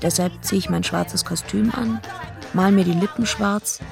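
A woman's voice: mid-range voice, steady tone, moderate pace, over music. An actress playing a blunt, foul-mouthed heavyweight female wrestler who also narrates the radio play. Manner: blunt, gruff and defiant. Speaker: narrator and lead.

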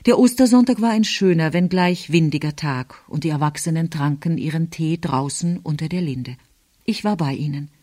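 A woman narrating a novel in calm, even storytelling. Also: deep voice, normal speed, no room sound, studio quality. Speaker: audiobook narrator. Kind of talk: scripted narration.

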